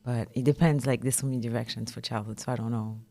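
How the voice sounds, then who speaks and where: A woman in her thirties from France, a guest chatting softly and hesitantly with frequent little laughs. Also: a bass voice, steady tone, fast, no echo. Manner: soft-spoken, laughs often, hesitant fillers. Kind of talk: casual interview chat.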